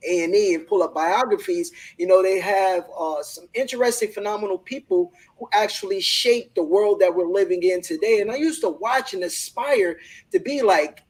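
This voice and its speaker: The host of a live online business discussion talks with a high, slightly rough voice over a rough recording. Enthusiastic and motivating, he frequently repeats words at the start of his thoughts in this casual group conversation.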